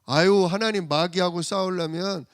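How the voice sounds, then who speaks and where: A man preaching a sermon in church, asking rhetorical questions and answering them himself, swinging from loud emphasis to soft murmurs. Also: high-pitched, fairly even intonation, normal speed, clear, resonant tone, dry recording, studio quality. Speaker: pastor.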